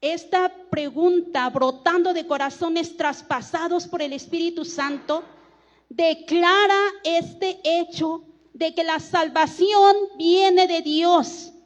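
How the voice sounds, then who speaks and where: High-voiced woman preaching a sermon. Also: lo-fi sound. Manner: earnest, prayerful, slows down to stress key words. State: tired. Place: church.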